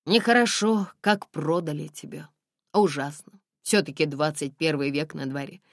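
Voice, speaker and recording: A woman reading a gruff but caring man, a driver who lectures the girl. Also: low-pitched, normal speed, dry recording, clean studio sound.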